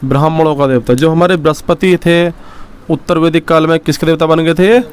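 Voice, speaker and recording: A man's smooth, clear voice, pitched a little higher than most men's, teaching a history class. He dictates notes in short phrases and repeats each one patiently so his students can write it down, often checking in with them as he goes. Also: steady tone, fairly quick. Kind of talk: dictation-style classroom lecture.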